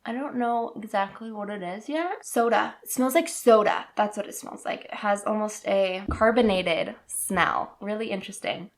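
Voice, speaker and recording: A woman's voice: medium pitch, normal speed, hardly any pauses. Chatty woman doing a makeup vlog. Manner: chatty, upbeat, talks while applying makeup. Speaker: beauty vlogger. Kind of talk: casual makeup tutorial chat.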